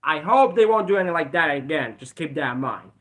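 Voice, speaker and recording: A man's voice: on the high side, expressive, fast talker, fairly bright tone. A man casually reviewing cartoon episodes in a rambling, repetitive way, with bouts of coughing. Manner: rambling, repeats "let's be honest". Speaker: video reviewer.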